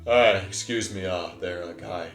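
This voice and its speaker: A man's voice: sits low, measured pace, fairly bright tone. A man playing a brash pompous braggart. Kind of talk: improv comedy. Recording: echoey room, faint music.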